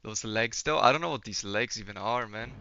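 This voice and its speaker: A young Polish gamer talks to his stream chat fairly quickly in a lowish, bright, forceful voice, easygoing and swearing plenty. Slight background noise sits in the somewhat dull lo-fi stream audio.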